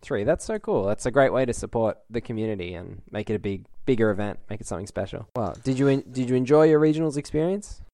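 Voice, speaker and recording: A man co-hosting a podcast, encouraging the guest and asking follow-up questions. He talks quickly at a middle pitch. The sound is dry. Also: lively intonation, dark tone, dry recording. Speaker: podcast co-host. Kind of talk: casual chat.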